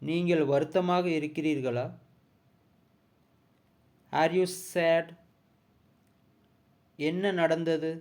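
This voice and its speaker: Very slow male teacher. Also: on the high side, steady tone, a little mellow. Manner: reads each question carefully, pausing between pairs. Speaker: spoken English teacher. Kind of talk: slow bilingual sentence drill.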